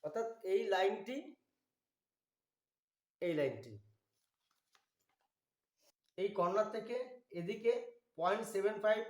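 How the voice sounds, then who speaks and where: High-voiced man teaching technical drawing. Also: roomy sound. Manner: slow, methodical, pointing out each step. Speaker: drawing instructor. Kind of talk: step-by-step drawing tutorial.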